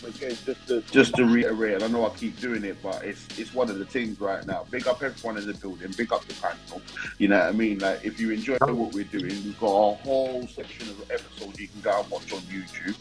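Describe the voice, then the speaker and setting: A man's voice: on the low side, fairly quick, music in the background, poor audio. A man hosting a casual livestream podcast, using urban slang and repeating himself. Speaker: podcast host.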